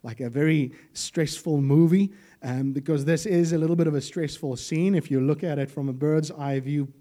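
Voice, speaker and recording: A man preaching a sermon, lively and joking, with animated asides. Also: a little high, moderate pace.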